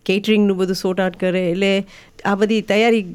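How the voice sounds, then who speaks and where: A woman's voice: medium pitch, flat delivery, fairly quick, darkish tone, smooth. A woman guest on a studio radio interview, explaining a community event at length and switching between Gujarati and English.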